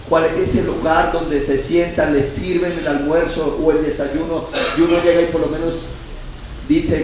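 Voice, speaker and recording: A man's voice: fairly high pitch, a little mellow, slight background noise. A man, a pastor preaching a sermon and asking his congregation questions as his voice rises for emphasis. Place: church hall. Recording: echoey hall, voice from far off.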